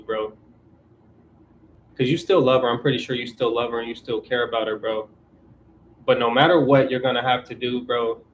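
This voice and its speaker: A man's voice: medium pitch, a little hiss or hum. A man in his twenties hosting a casual live stream Q&A, talking in a laid-back way, reading viewer questions and giving relationship advice. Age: 20s. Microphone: camera on auto-tracking mount.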